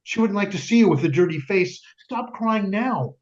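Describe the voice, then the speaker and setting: On a community theater stage, a male actor plays a father grieving a loss in wartime, delivering a solemn monologue with heavy phrasing and frequent pauses. His voice sits a little high for a man and is animated, tender yet stern, with an urgent feel. The lo-fi recording is dull and slightly muffled, with music underneath.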